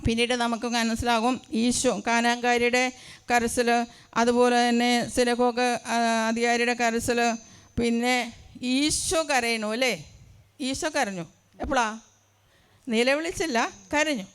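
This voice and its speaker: A woman's voice: fairly high pitch, steady tone, measured pace, pauses often, smooth. A religious sister giving an earnest testimony in a church hall, asking her listeners rhetorical questions. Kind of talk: sermon testimony.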